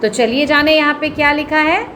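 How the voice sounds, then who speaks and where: A woman's voice: sits high, fairly bright tone, slight background noise. A woman teacher giving an online reading lesson to children, sounding out words one at a time. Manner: slow, word-by-word dictation-style reading.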